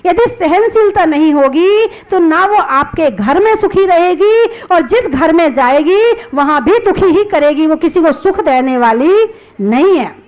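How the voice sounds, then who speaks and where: A woman, a Jain nun, preaching a sermon, chanting verses slowly and explaining them with rhetorical questions. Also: very high-pitched, expressive, dull audio. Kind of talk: religious sermon.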